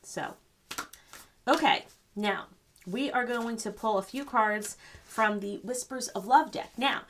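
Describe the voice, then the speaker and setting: An older woman giving a gentle, rambling spiritual card reading, full of fillers and reassurance. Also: on the high side, takes it slowly. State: choked up. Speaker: psychic reader.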